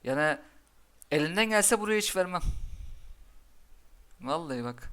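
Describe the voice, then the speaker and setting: A young man commentating his own game live, cheering his cards on and scolding the opponent in quick, excitable bursts. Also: high voice. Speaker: gaming commentator.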